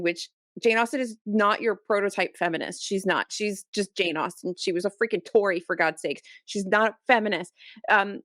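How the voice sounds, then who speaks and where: Podcast co-host, woman, middle pitch, animated exasperated rant, close dry mic. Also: dry recording. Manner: animated, exasperated ranting with many restarts. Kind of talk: casual chat.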